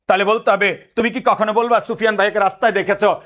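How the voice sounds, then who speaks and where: A young man teaching an admission test lesson, animated, quizzing students and answering his own questions. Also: sits high, quick pace.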